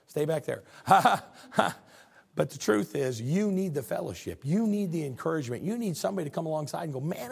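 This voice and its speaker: Gravelly husky pastor guy preaching, folksy, keeps chatting with the congregation. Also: fairly high pitch. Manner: folksy, animated preaching with repeated phrases and asides to the congregation. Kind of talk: sermon.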